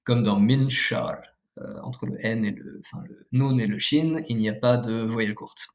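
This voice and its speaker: A man's voice: mid-range voice, normal speed, dull audio. A man giving a casual video lesson, explaining step by step with frequent fillers and self-corrections while drawing with a pen. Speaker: language teacher.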